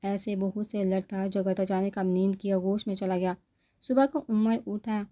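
عورت کی دھیمی، گہری آواز میں ناول خوانی. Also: female voice, medium pitch. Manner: steady storytelling. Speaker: narrator. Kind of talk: novel reading.

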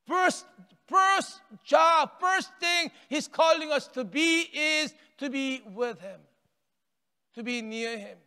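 An older man preaching a sermon from a church stage, animated and gesturing, often dropping to a hush on key words and repeating phrases as he builds. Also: extremely high pitch, slow. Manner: animated preaching with wide arm gestures, rising and falling intensity. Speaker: pastor. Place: large church sanctuary, stage with pulpit. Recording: long reverb of a church hall.

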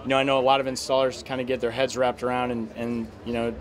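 A man in his thirties from the United States, a guest at a trade show interview, talking in a measured, upbeat way with many fillers, recorded at an indoor expo stand on a handheld mic. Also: medium pitch, flat delivery, slight background noise. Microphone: handheld mic held by interviewer.

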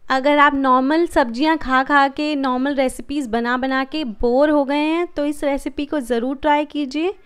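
With a high-pitched voice at a normal speed, a woman narrates a cooking channel voice-over, guiding viewers through a recipe step by step in a calm, friendly way.

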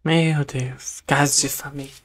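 A man's voice: on the high side, flat delivery, a little slow. A man hosting a casual reaction video, talking in a dramatic, exclamatory and gossipy way. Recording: faint show music behind.

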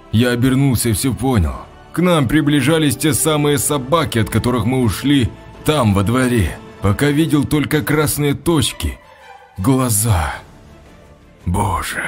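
A man's voice: medium pitch, a little mellow. Brief: male audiobook narrator, dramatic reading, faint music underneath. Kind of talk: scripted narration.

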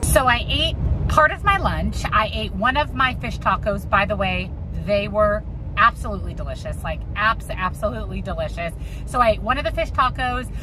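A woman's voice: medium pitch, lively intonation, normal speed, a crowd in the background, poor audio. A woman in her thirties, a lifestyle vlogger, giving chatty, upbeat and rambling narration of her day. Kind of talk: casual vlog narration.

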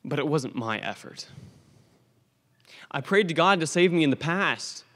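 A man's voice: fairly high pitch, lively intonation, a bit bright. Earnest teenage boy at a podium. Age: teens. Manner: earnest, testimonial storytelling with dramatic pauses. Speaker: graduating student speaker. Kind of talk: commencement speech. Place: school gymnasium stage at a lectern. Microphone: podium microphone on a stand. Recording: long hall reverb from a large gym.

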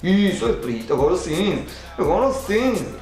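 Brief: excitable Portuguese gamer guy, lively rising pitch, echoey room with faint music behind. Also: moderate pace. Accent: European Portuguese. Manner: excitable, talks at the game and the referee, frequent exclamations. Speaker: gaming channel host. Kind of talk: playing a football video game and commentating.

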